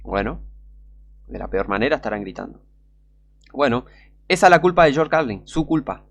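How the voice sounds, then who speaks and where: A man's voice: mid-range voice, sing-song, moderate pace, gravelly. A man with a Rioplatense Spanish accent preaching a fervent, scornful sermon full of rhetorical questions. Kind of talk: impassioned street-style sermon.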